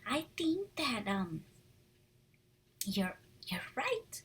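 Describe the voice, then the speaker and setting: Reading a picture book to young kids, this woman sounds husky and breathy, her pitch on the high side. Her teaching style is lively and supportive, with pauses for questions.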